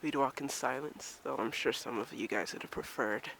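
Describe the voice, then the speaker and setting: A woman's voice: extremely low pitch, moderate pace, creaky, fairly bright tone, slight background noise. A woman from Maryland chatting casually to her camera while walking outdoors, rambling and self-mocking, a little out of breath. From Maryland, USA. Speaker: vlogger. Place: outdoors on a snowy street. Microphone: handheld camera while walking.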